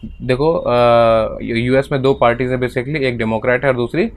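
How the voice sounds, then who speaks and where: A man with an Indian accent teaching vocabulary, reading English text slowly and then explaining it quickly in Hindi. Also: medium pitch, fairly even intonation.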